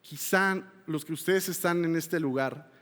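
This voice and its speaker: A man preaching a sermon, moving between loud appeals and hushed, confessional passages. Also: a little high, a little slow. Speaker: pastor. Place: church hall. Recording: long hall reverb.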